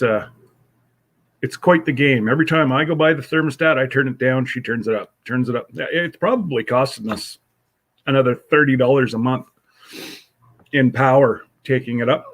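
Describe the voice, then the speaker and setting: A congested middle-aged man hosting a livestream from home, chatting casually in a slow, rambling way with many fillers. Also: medium pitch, fairly bright tone. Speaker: livestream host.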